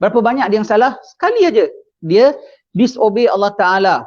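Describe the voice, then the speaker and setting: A man's voice: high-pitched, fairly quick. A man with a Malaysian Malay accent preaching a sermon to a gathering, mixing English phrases into his Malay and firing rhetorical questions at the audience. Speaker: Islamic preacher. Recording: dull lo-fi recording.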